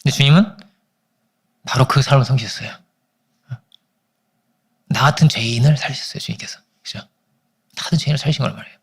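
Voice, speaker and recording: A man preaching a Sunday sermon as pastor, telling stories with animated voices for the people in them. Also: fairly quick, gravelly, long pauses, husky. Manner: animated storytelling, acting out family quarrels in high voices.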